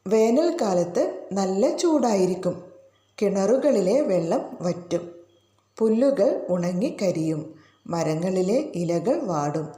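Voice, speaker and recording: A woman's voice: medium pitch, animated, takes it slowly, mellow. A woman teacher explaining a school lesson to children, often asking them rhetorical questions. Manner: asks pupils rhetorical questions. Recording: roomy echo.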